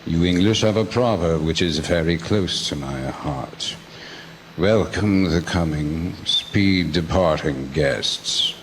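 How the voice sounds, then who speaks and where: An actor playing a suave, menacing vampire count who speaks with elaborate, mocking courtesy in a radio drama. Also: male voice, low-pitched, takes it slowly, a little hiss or hum. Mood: mockingly courteous.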